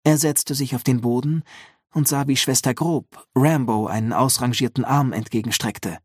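A man narrating an audiobook in a calm, measured storytelling manner. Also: mid-range voice, husky, dry recording, studio quality. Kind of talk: scripted narration.

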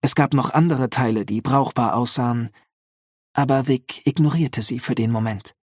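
A man narrating an audiobook in a calm, measured storytelling manner. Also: medium pitch, breathy edge, no room sound, studio quality. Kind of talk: scripted narration.

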